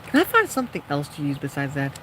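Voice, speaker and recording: A man's voice: fairly high pitch, huge pitch swings, fast talker, sharp tone, slight background noise. Young man rambling over gameplay. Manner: rambling, talks to himself and the game. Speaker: gaming vlogger. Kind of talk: casual gameplay commentary.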